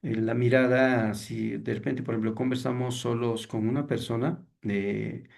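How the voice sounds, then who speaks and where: A man's voice: medium pitch, fairly even intonation, normal speed, creaky, a little mellow. A man teaching an evening seminary class, talking conversationally, asking the students rhetorical questions and acting out sample greetings from the pulpit. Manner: acts out sample preacher greetings to show mistakes.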